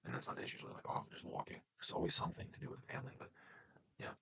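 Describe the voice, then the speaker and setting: A man's voice: racing, pushed and bright. A man talking casually and loosely in a fitness vlog, with the odd swear. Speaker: fitness vlogger.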